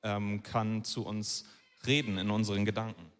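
A man's voice: lowish voice, level tone, moderate pace, faint music behind. A man interpreting a sermon live, phrase by phrase, often hesitating with fillers. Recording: long reverb of a large hall.

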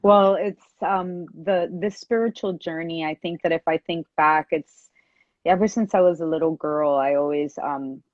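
Low-voiced middle-aged woman telling her story. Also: fairly even intonation, normal speed, no room sound. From Cuban-American family. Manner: thoughtful, many ums and you-knows. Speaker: guest, energy practitioner. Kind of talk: reflective storytelling interview. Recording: dull lo-fi sound, dry.

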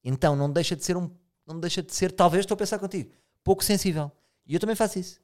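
Quick Portuguese man, probing questions. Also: high-pitched. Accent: European Portuguese. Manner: probing, reflective, asks lots of questions. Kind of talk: casual chat.

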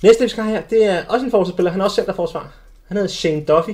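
A young adult man hosting a casual sports podcast, telling lively anecdotes with many restarts. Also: sits high. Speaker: podcast host. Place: small studio.

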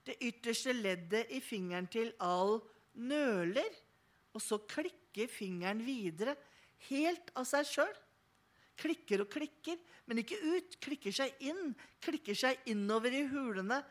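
A woman reading a children's book aloud in an expressive, playful storytelling manner. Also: fairly high pitch. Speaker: reader.

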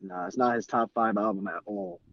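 A man's voice: lowish voice, sing-song, a little fast, creaky, highs cut off, a crowd in the background. A young man in casual debate with friends, talking in laid-back, slangy bro talk. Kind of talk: casual hip-hop album debate.

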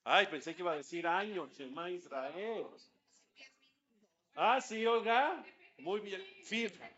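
A man, a rabbi giving a lively religious class, questioning his listeners and chanting Hebrew prayer lines. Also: high voice, unhurried, lo-fi sound.

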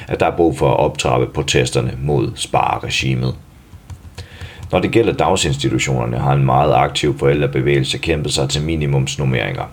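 A man reading a news article aloud in a steady, even way, even speaking the punctuation. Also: very deep voice, vocal fry.

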